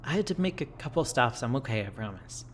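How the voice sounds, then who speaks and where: Man reading as weary, gentle, stubborn ailing mother. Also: mid-range voice, big pitch swings, quick pace, a little hiss or hum, lightly acted. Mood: reassuring. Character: tired, stubborn ailing mother, reassuring and secretive.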